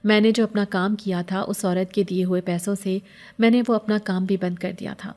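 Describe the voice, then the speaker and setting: Mellow-voiced woman narrating a sorrowful tale. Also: medium pitch, steady tone. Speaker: storyteller. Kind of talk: scripted first-person horror narration.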